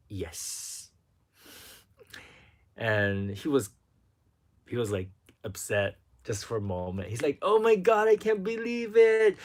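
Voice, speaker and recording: A man hosting a casual livestream, chatting excitably and reading out viewer comments as he goes. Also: on the low side. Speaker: livestream host.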